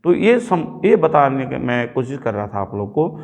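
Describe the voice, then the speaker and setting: A man's voice: medium pitch, normal speed, gravelly. A man from Nepal, a native Nepali speaker, preaching a sermon and telling a childhood story, acting out the dialogue. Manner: animated storytelling, acts out quoted dialogue.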